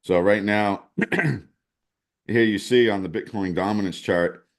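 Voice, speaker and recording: Speaking a little slowly in a steady tone, a man with a voice on the low side co-hosts a casual crypto show. He handles the chart analysis over screen share, thinking aloud with many restarts.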